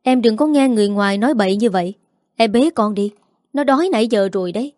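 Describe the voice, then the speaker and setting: A woman's voice: a little high, quick pace, darkish tone, dry recording, studio quality, close to an everyday voice. A woman reading a storybook voices a young husband who sounds irritable and weary, then placating. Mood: strained. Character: young husband caught between wife and mother.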